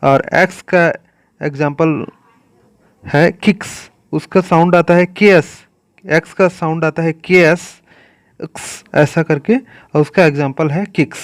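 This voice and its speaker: Slow, deliberate Indian man teaching. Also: fairly high pitch. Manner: slow and deliberate, repeats each sound and its examples. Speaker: English teacher. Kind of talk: classroom-style pronunciation lesson.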